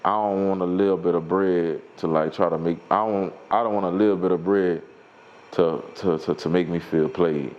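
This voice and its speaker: A man with a Louisiana accent, a rapper telling a story in a casual interview, animated and given to acting out quotes in a high voice. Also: moderate pace, muffled recording. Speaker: rapper guest.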